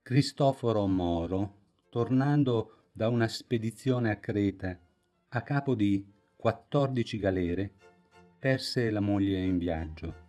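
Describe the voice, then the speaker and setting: A man giving scripted documentary narration as a voice-over, in a slow, measured storytelling manner. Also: lowish voice, dark tone, soft background music.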